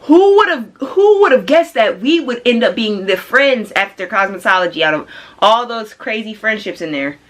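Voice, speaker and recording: A young woman of twenty-one chatting excitedly and casually as she does her makeup for a vlog, full of slang. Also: a little high, normal speed. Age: young adult. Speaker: beauty vlogger. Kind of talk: casual get-ready-with-me chat. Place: home studio room.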